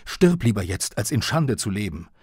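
A man's voice: mid-range voice, expressive, fairly quick, a little mellow, breathy edge, dry recording, studio quality, voice pushed up. A man voicing an enraged father who screams hysterically at his young son. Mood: raging. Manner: shrieking, hysterical, threatening.

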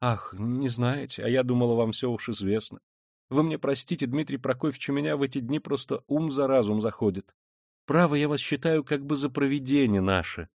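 A man's voice: mid-range voice, creaky, a little mellow, no echo, clean studio sound. A man voicing an anxious, fussy older mother who gushes, exclaims and rambles, reading a classic novel aloud.

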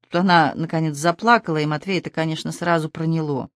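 An audiobook narrator reading a novel in an even, measured storytelling manner. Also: medium pitch, no room sound, clean studio sound. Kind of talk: scripted literary narration.

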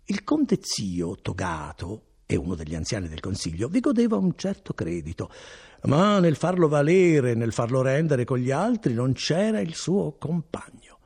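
A man narrating a classic novel in measured, expressive storytelling. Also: mid-range voice, slightly rough. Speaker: audiobook reader. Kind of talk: literary audiobook narration.

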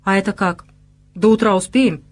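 A woman's voice: medium pitch, moderate pace, close to an everyday voice. A woman voicing a cocky young male warrior in an audiobook, with a teasing, flippant way of talking. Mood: doubtful.

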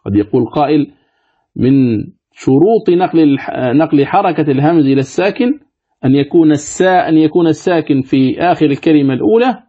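A male sheikh gives a recitation class in a fairly high, mellow voice. He poses questions and answers them himself, and he draws words out slowly for his listeners to copy. The lecture recording sounds dull and lo-fi. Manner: repeats words slowly to model pronunciation. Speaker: sheikh teaching Quran recitation. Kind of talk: classroom lesson commentary on a text.

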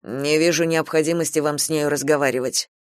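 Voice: mid-range voice, steady tone, fairly quick, clear, resonant tone, dry recording, studio quality, voice pushed down, lightly acted. A reader voicing Boldwood, a grave and tormented farmer, speaking tensely in an audiobook. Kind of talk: audiobook character reading.

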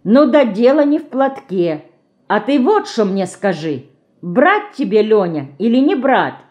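A woman reading an audiobook, voicing an earnest village girl with Ukrainian-tinged rural speech who lectures slowly and solemnly. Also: a little high, sing-song, a little mellow, muffled recording, pitched above the performer's own voice. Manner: slow, solemn, folksy lecturing.

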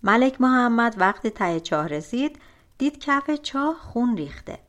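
A woman narrating a folk tale audiobook with expressive, animated storytelling. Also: a little high.

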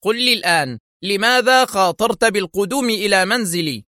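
A man voicing a furious, scheming male crime boss and spy in an audiobook, talking in sharp, menacing outbursts. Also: sits high, lively intonation, brisk, dry recording, clean studio sound, voice pushed up. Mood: tense. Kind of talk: audiobook character voice.

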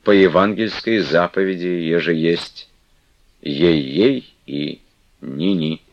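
A man's voice: deep voice, no echo. A man doing a stern old abbess. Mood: solemn. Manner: solemn, measured, archaic speech. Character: stern, loving elderly woman abbess. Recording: dull, dry lo-fi recording.

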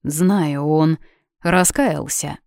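Woman reading a calm, serious young man. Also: deep voice, very slow, vocal fry, dry recording, clean studio sound, full character voice.

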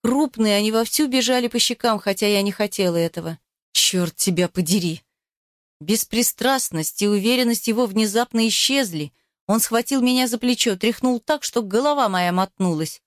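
A woman reading a first-person novel aloud in an emotional, expressive way. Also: fairly high pitch, brisk, no room sound, clean studio sound. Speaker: audiobook narrator.

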